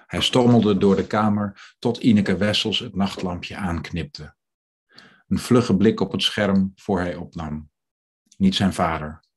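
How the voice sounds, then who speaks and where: A man reading aloud from his novel in a measured, steady way. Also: low-pitched, slightly rough. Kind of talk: literary reading.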